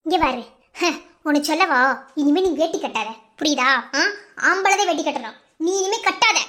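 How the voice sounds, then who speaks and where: A woman plays a proud young collector in a cartoon, scolding her brother with firm contempt in a Madurai Tamil accent. The voice is very high, pushed down a little to sound stern and weighty. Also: animated, normal speed, sharp tone. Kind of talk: cartoon dub acting.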